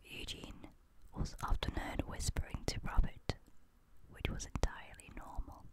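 A young woman reads a creepy story in a hushed, breathy ASMR whisper, very close to a studio microphone. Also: normal speed.

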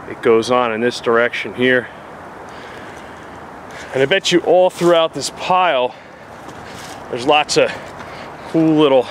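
The man has a medium-pitched voice, heard over a noisy background. He's an outdoor explorer vlogger with a New Jersey accent, casually narrating what he finds on a woods walk into a handheld camera, his plain talk dotted with fillers.

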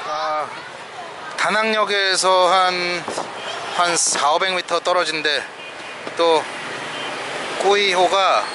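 A travel vlogger casually narrates a food vlog, talking on camera about dishes and prices at street restaurants. His voice is high-pitched and slow, with frequent pauses. Loud street noise and traffic fill the recording.

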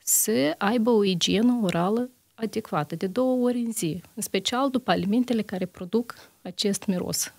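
A woman's voice: mid-range voice, creaky, few pauses, a little mellow, no echo. A woman internist answering interview questions on a health show, methodical, listing examples with frequent hesitations.

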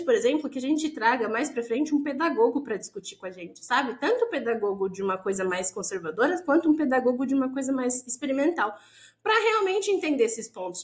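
A Brazilian woman teacher with a Brazilian Portuguese accent, co-hosting a podcast in casual chat, animated and acting out quoted voices. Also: high-pitched, roomy sound. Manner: animated, acts out quoted voices, laughs often.

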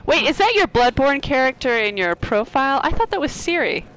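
A woman streaming a video game, chatting casually with her viewers and a co-op partner, bubbly and quick to laugh and joke. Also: high-pitched, big pitch swings, a bit bright, rough recording. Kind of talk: casual live-stream chat.

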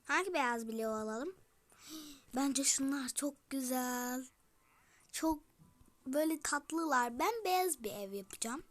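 A woman's voice: high voice, sharp tone. A female YouTuber giving chatty game commentary, talking straight to her viewers and slipping into whispered asides. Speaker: gaming YouTuber.

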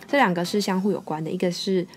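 A woman with a Taiwanese Mandarin accent explaining music vocabulary in a patient lesson, repeating English terms slowly. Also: fairly low pitch, fairly even intonation.

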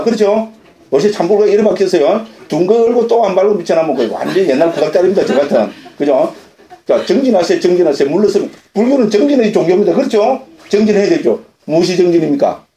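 A man's voice: sits high, mellow. A man, a Korean Buddhist monk, giving a dharma lecture, often asking and answering his own questions and checking agreement with short tag questions. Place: lecture hall at a Buddhist center. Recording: roomy lecture-hall audio recording.

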